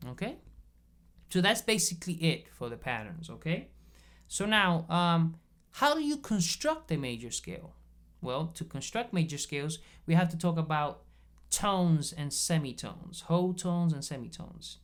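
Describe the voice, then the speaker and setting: A man teaching bass guitar in a casual video lesson, explaining patiently step by step and checking in often. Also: sing-song, a little slow, fairly bright tone. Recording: bass guitar playing between phrases.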